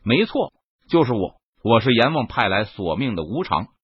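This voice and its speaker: A man voicing a ruthless young swordsman who sneers at his enemies in an icy, low voice, on a muffled lo-fi recording. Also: sing-song, normal speed, husky, no echo. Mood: sneering.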